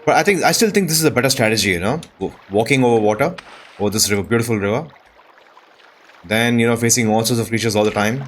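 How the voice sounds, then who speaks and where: A gaming video host with a mid-range voice talks fast in casual gameplay commentary. He speaks to himself and to the game's characters, letting out awestruck exclamations.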